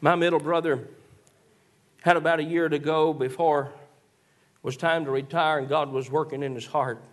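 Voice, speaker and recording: A male preacher, telling folksy stories in a sermon and rising into shouted exhortations. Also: a little high, fairly even intonation, normal speed. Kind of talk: sermon with storytelling.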